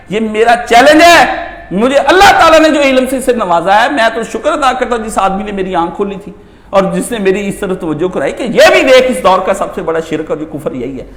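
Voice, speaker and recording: A man preaching an impassioned, rhetorical sermon that swings between loud and soft. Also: high-pitched. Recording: echoey room.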